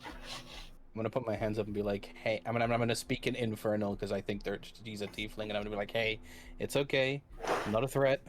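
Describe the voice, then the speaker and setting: A man's voice: fairly low pitch, level tone, fast talker, background noise. A man playing a tabletop game, earnestly describing his character's actions. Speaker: player. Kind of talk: casual play at a tabletop game.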